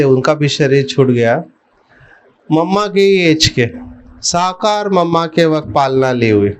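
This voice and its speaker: A middle-aged man giving a spiritual talk, telling a personal story and putting questions to his listeners. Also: fairly high pitch. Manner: slow, storytelling, addresses the audience with questions. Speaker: spiritual speaker.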